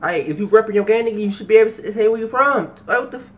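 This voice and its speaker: A man's voice: high-pitched, lively intonation, rapid-fire, fairly bright tone. A young man hosting a reaction video, talking casually with profanity and repeating himself.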